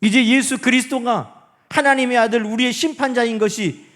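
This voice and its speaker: A male pastor preaching a sermon in church. He asks the congregation questions and swings between loud emphasis and hushed, near-whispered lines. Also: very high-pitched, steady tone, normal speed. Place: church sanctuary.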